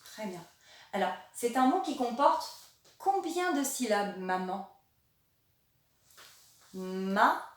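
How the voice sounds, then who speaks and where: A woman teaching small children, her voice fairly high and placed a little away from the mic. She speaks gently and encouragingly, spacing out her words carefully. A strong echo from the room surrounds everything she says. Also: very animated. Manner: gentle, encouraging, slow and clearly articulated. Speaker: primary school teacher. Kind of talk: remote lesson for young children. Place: classroom or room with a board. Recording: very echoey room, voice from a distance.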